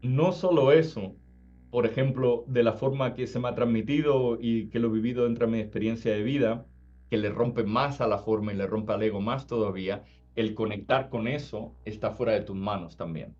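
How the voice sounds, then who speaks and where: A man's voice: mid-range voice, normal speed, darkish tone. Casual man giving spiritual talk. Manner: casual, asks "does it make sense?" often. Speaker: spiritual teacher. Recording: slightly dull sound, faint music.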